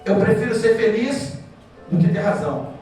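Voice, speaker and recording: Brazilian man, high voice, pastor preaching to couples, lively back-and-forth with the crowd, far from the mic in a very echoey hall. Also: moderate pace, soft background music. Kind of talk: sermon to couples.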